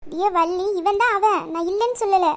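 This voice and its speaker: A woman voicing a heartbroken, confused young village woman who speaks softly and hesitantly. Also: extremely high pitch, a little fast. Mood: pleading. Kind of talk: Tamil village audio drama.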